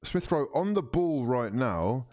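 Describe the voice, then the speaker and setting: A man hosting a live fan football watch-along, commentating in an informal, excitable, matey way. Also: medium pitch, unhurried, no echo.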